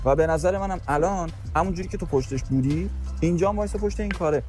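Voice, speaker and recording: A man's voice: fairly high pitch, dark tone, faint music behind. A man on a reality show patiently explaining his view in a group talk. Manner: patient, explaining, repeats "okay?". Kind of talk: earnest advice in a group discussion.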